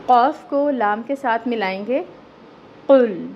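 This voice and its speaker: A woman with a Pakistani Urdu accent, teaching Quran recitation step by step and checking in often with the listener, drawing the verses out slowly when she recites. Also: a little high, muffled recording, a little hiss or hum. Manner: explains step by step, checks with "theek hai"; slow drawn-out recitation of verses.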